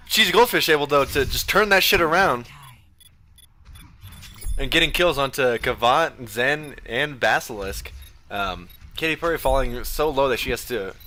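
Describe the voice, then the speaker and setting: A man giving casual, profane play-by-play of a video game match, full of ums and uhs, with sudden bursts of excitement. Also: mid-range voice, slight background noise. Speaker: esports caster.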